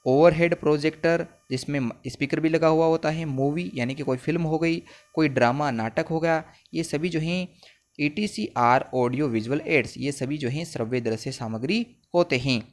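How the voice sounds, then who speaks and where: Guy teaching exam answers, slightly high voice, slow on the english bits. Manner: reads English phrases slowly, then explains in Hindi. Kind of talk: exam paper lesson explaining answers.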